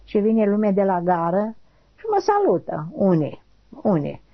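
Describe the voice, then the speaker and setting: A woman, being interviewed for an oral history, talking haltingly, repeating short affirmations and trailing off quietly. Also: mid-range voice, sing-song. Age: 80s. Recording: dull lo-fi recording.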